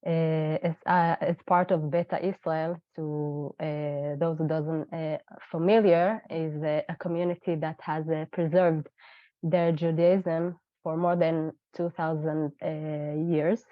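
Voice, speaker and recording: A woman in her thirties from Ethiopia, feeling unwell, telling her own story as a webinar guest in an earnest way, with many pauses and fillers. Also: deep voice, fairly even intonation, dry recording, lo-fi sound. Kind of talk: personal testimony.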